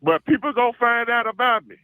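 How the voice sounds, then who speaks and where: A man with an Arkansas Southern accent, talking as an animated sports fan calling in, boastful and emphatic, repeating his phrases for effect. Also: very high voice, fast talker, smooth. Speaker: call-in guest, self-styled football scout.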